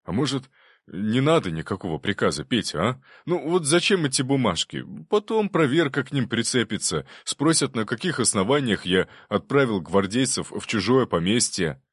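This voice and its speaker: A man's voice: mid-range voice, sing-song, moderate pace, slightly rough, dry recording, studio quality, voice pushed up. A man voicing an anxious, weak male governor who frets and pleads, then barks orders. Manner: fretful, pleading, bursts into barking orders.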